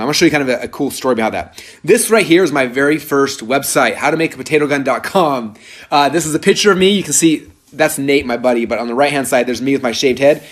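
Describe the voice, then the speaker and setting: An energetic man in his thirties hosts a live sales webinar, storytelling at a rapid clip. His delivery rambles, full of fillers and restarts, and his voice sits at an ordinary middle pitch. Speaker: webinar presenter.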